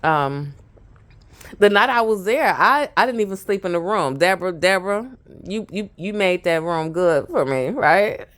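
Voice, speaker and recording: A woman's voice: lowish voice, expressive, normal speed. A woman in her thirties with a Brooklyn accent, telling a rambling family story to camera and laughing often. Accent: Brooklyn, New York. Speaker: vlogger.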